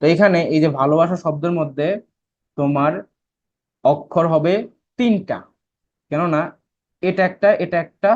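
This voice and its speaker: A man's voice: a little high, moderate pace, long pauses, lo-fi sound. A man with a Bangladeshi accent teaching English grammar in an online class, explaining step by step and checking that students follow. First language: Bengali. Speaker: admission test English teacher.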